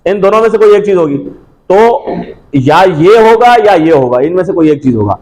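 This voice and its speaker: A man teaching Arabic grammar to a classroom, loudly and prompting students again and again to answer. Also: high-pitched, animated, moderate pace, low-quality recording. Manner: drills students with repeated questions and prompts; loud, projecting voice to a class.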